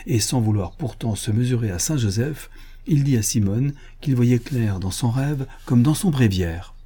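Dark husky male storyteller. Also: mid-range voice, lively intonation, moderate pace. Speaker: narrator. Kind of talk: storybook reading.

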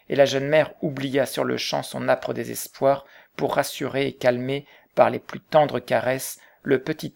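A man narrating a novel in a measured, literary reading style. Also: medium pitch, gravelly.

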